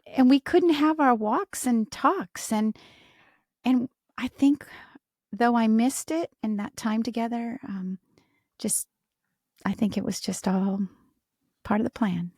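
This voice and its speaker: A woman co-hosts a podcast and talks openly about faith and family. Her voice is soft and drops at times to a breathy near-whisper. The sound is dry and close to the mic. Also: fairly high pitch, slow, pauses often, no echo. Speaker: podcast co-host. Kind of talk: casual heartfelt conversation.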